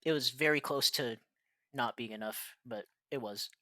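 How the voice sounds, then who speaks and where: A man game master running a tabletop session in a casual, halting way, often clearing his throat. His pitch sits in the middle and the sound is dry and close. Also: pushed and bright, dry recording.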